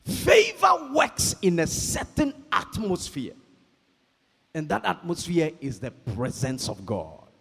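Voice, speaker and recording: A man preaching a sermon, slow and emphatic, calling for amens and rising to shouts. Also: a little high, very animated, creaky, breathy edge. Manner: call-and-response, calls for amens. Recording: long hall reverb.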